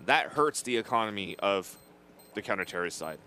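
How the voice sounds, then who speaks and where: A man from France with a French accent, a native French speaker, calling a live video game match and building excitement on key plays. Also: lowish voice, brisk, a little hiss or hum. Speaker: esports play-by-play commentator.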